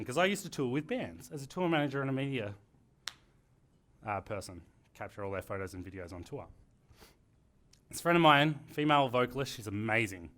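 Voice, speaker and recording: A man presenting a live workshop lesson to a room, talking in an energetic, joking way. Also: medium pitch.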